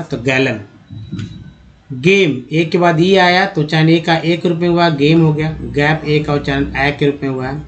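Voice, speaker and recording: A man teaching English spelling and pronunciation, sounding words out slowly syllable by syllable. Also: sits high.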